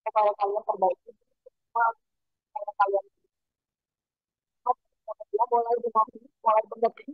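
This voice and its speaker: A woman giving a webinar talk over online call audio that keeps breaking up, pausing often with filler sounds. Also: medium pitch, flat delivery, no room sound. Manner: halting, many filler sounds. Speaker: webinar speaker. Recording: tinny choppy call line, faint music.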